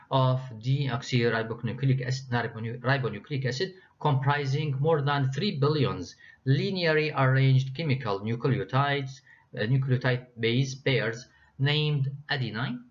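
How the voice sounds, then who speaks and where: Man lecturing, halting delivery, lots of fillers, medium pitch, dull lo-fi recording. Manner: reads slides, frequent uh fillers and restarts.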